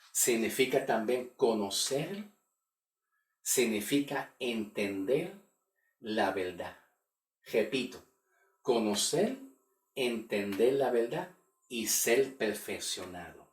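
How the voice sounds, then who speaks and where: A man teaching a Bible study lesson, who repeats key words and keeps checking in with his listeners. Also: mid-range voice. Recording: echoey room, voice from far off the mic.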